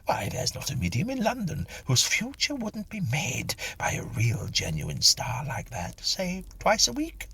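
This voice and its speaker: A theatrical, grasping woman medium, acted by a male narrator, coaxes and gushes in a storybook séance manner. The voice is raised, breathy and very animated, effusive in every phrase. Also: fairly high pitch, measured pace, few pauses, whispered, voice pushed up, heavily acted. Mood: astonished. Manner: effusive, coaxing. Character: gushing, wheedling female spirit medium, theatrical and grasping. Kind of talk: dramatised audiobook storytelling.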